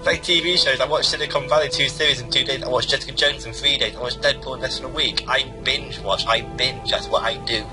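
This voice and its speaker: A man's voice: mid-range voice, steady tone, quick pace, few pauses, music in the background, rough recording. A young man co-hosting a casual podcast, chatting with enthusiasm, repeating himself and swearing casually. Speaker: podcast co-host.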